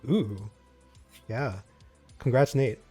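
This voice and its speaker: A man hosting a casual group livestream, laid-back and quick to laugh. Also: mid-range voice, warm tone, husky, dry recording, faint music behind. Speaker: livestream host.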